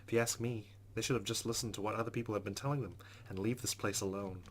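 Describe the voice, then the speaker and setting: A fairly low-pitched man speaks fast as he narrates a visual novel for a let's play, reading the text and adding his own asides. The background carries loud, unbroken noise.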